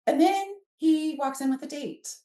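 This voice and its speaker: Her voice sits high as this Alaskan guest author, an American woman in her fifties, spins casual stories at a moderate pace. She acts out dialogue from memory with animation, recorded far from the mic amid roomy echo.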